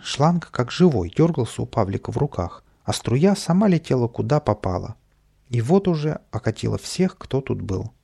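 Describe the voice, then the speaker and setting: Male narrator for a children's book, gravelly, mid-pitched. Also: normal speed. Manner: lively, expressive narration. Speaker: storyteller. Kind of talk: children's story reading.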